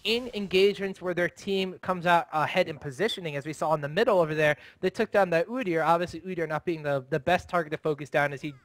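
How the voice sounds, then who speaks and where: A high-pitched male caster calls a competitive video game match. He breaks down the teams' strategy in a steady, analytical way, with a clear, upper-register voice. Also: fast talker, few pauses, no echo. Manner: steady analytical play-calling. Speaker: esports caster. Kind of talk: play-by-play commentary.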